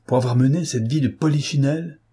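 A man voicing a proud, earnest noblewoman in a storybook reading, with a husky tone. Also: medium pitch, fast talker, dark tone, pitched above the performer's own voice.

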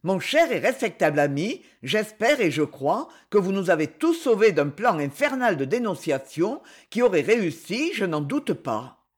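Man doing a courteous worried count, measured and earnest, high voice, audiobook. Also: big pitch swings, breathy edge, heavily acted. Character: earnest middle-aged male count, polite and worried.

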